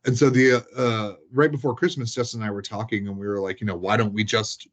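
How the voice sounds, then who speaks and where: A man recounts his tabletop game sessions in casual, rambling talk, saying "like" constantly as filler. His voice is on the low side and fairly even in intonation, and he speaks briskly. The recording sounds dull and lo-fi.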